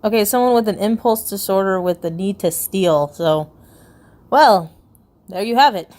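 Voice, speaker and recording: A woman in a relaxed gaming video talks through what she finds. Her voice is mid-pitched and chatty. She giggles and reacts out loud, and she stumbles now and then when reading aloud. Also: moderate pace. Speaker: video game YouTuber. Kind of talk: casual commentary while browsing a game's secret files.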